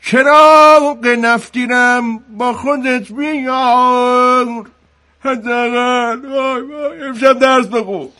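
A man playing a father who scolds his son, with a high, bright put-on voice. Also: fairly even intonation. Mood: coaxing. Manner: shouting insults, then mock-sweet coaxing. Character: scolding father in the dark, middle-aged man.

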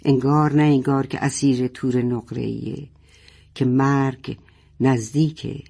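A man voicing a brave narwhal who speaks quietly and solemnly. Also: mid-range voice, fairly even intonation, gravelly, husky. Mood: solemn farewell. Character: brave, sad narwhal saying farewell.

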